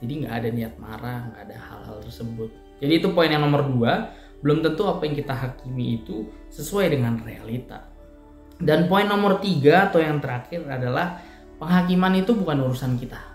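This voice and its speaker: A man speaks at a middle pitch, giving a relaxed evening devotional in a church. His talk is conversational and full of homely examples. The room rings with echo, and soft music plays underneath. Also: fairly quick. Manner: conversational, explaining with everyday examples and fillers. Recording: echoey room with faint music.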